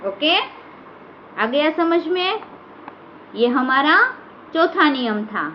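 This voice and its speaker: A woman teaching a grammar lesson, who repeats each rule and draws out the example words slowly and patiently. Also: high voice, lively intonation. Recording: dull lo-fi sound with faint background hiss.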